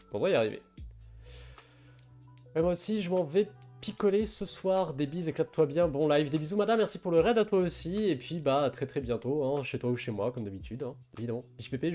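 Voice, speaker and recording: Male streamer, mid-pitched, relaxed banter over soft background music. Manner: chatty, reads and answers chat, teasing. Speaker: streamer drawing live. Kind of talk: casual live-stream chat while drawing.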